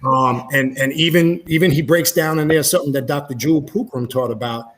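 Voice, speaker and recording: A man as a guest on a casual livestream interview, explaining at length in a measured way with frequent "uh" and "um". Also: a little high, steady tone, fairly bright tone, a little hiss or hum.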